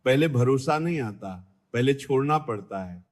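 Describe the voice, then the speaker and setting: Slow, calm male spiritual speaker. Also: mid-range voice. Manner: calm, measured, addresses listener directly.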